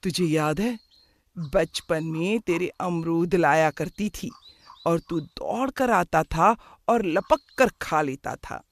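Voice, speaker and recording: A woman's voice: on the low side, expressive, takes it slowly, dry recording. A woman voicing a middle-aged aunt in a cartoon story, who talks in a fond, chatty, teasing way.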